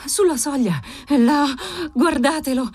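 A woman's voice: high voice, big pitch swings, unhurried, pitched above the performer's own voice. A woman voicing a terrified young woman who sees a ghost, trembling, breathless and pleading. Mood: frightened.

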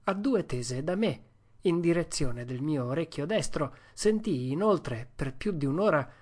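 At a measured pace and medium pitch, a narrator reads a classic adventure story in the first person for an audiobook. The delivery is steady but full of expression.

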